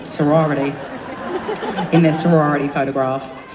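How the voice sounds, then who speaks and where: Her voice is low with little pitch movement and normal speed. This English singer with a London accent rambles to her concert crowd between songs, swearing freely and laughing at herself, captured from far off in an echoey arena with the audience audible.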